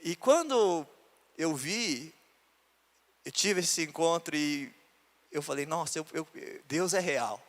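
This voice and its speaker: Speaking slowly and pausing often, a Brazilian pastor gives a sermon testimony about his own life, imitating those he quotes. His high voice has lively intonation, carried by a church hall's long reverb.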